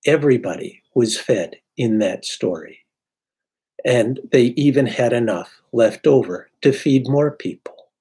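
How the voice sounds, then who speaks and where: An older man, a priest in his sixties, gives a sermon at a slow, deliberate pace. His voice is mid-pitched and a little husky, and he leaves reflective pauses. He is heard through a desk webcam in a book-lined study. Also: lively intonation, warm tone. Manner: unhurried, reflective preaching with pauses. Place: home study with bookshelves.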